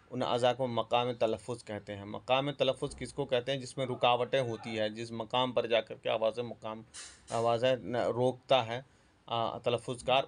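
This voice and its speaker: A man giving a spoken lesson on speech sounds, pausing often, correcting himself and dropping in English terms. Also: mid-range voice. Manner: halting, self-correcting, mixes English terms. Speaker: teacher. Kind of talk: spoken lecture on phonetics.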